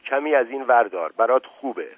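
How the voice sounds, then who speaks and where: A man's voice: medium pitch, lively intonation, husky, dry recording, phone-quality sound, voice pushed up. A man reading aloud as a firm, decisive village elder who leads the others. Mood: commanding. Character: commanding village elder man, calm leader.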